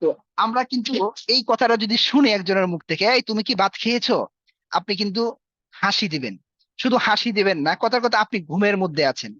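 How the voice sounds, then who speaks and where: A man's voice: high-pitched, expressive, a little fast, pushed and bright, no echo, dull audio. A man teaching Arabic in an online class, explaining patiently with everyday examples. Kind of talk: online class over a group call.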